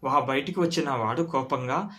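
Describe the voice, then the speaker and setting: A man's voice: medium pitch, normal speed, pushed and bright. A man telling a first-person story in an earnest, conversational way with frequent restarts.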